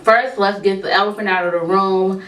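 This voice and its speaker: A woman's voice: mid-range voice, fairly even intonation, normal speed, a bit bright. Chatty woman with a lisp, roomy echo. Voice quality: lisp from braces and tongue crib. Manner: chatty, informal, addresses viewers as y'all. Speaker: vlogger. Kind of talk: casual life update vlog. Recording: roomy echo, speaking from a distance to the mic.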